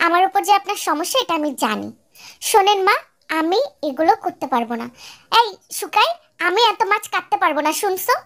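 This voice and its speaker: A woman's voice: extremely high pitch, very animated, brisk, a bit bright, heavily acted. A woman voicing a pampered young daughter-in-law who whines, sulks and talks back, in a fan-dub drama. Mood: whining. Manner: whiny, sulky, talks back.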